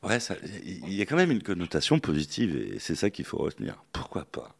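A man's voice: low-pitched, wildly swooping pitch, a little fast, vocal fry, slightly rough. A man hosting a radio talk show, teasing his guest in a loose, playful chat. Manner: playful, teasing, many fillers.

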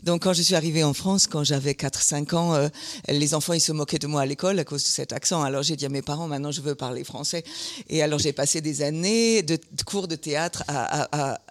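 A woman from Germany, an actress and dancer, chatting as a guest in a radio interview, lively and quick to laugh. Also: deep voice. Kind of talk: casual radio interview chat.

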